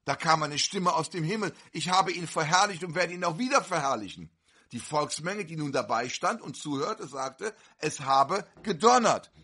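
A man preaching a fervent sermon to a congregation, with sudden loud outbursts. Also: a little high, expressive, moderate pace, slightly rough.

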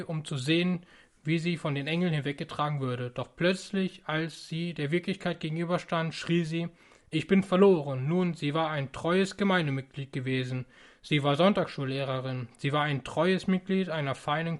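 A man preaching a fervent sermon, telling a warning story and exhorting his congregation. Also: on the high side.

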